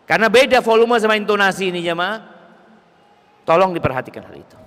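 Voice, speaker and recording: A male preacher giving a lively sermon to a congregation, his voice climbing sharply whenever he stresses a point. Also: sits high, fast talker. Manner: lively, rising sharply for emphasis, addresses the congregation. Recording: long hall reverb.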